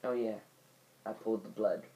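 A man's voice: fairly low pitch, fairly even intonation, moderate pace, dark tone, poor audio. A man giving let's play commentary, muttering to himself while he plays. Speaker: gamer.

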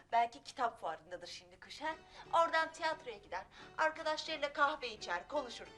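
Brief: sarcastic young homebound woman, bright high voice, animated. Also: brisk, soft background music. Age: young adult. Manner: sarcastic, teasing. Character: witty sarcastic young woman stuck at home.

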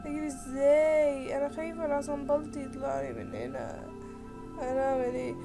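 A woman with an Egyptian Arabic accent talks through a horror game in her very high voice. She is jumpy and panicky, with sudden shrieks and giggles. Loud game music plays behind her. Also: lively intonation, brisk. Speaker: gamer playing a horror game. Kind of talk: let's play commentary.

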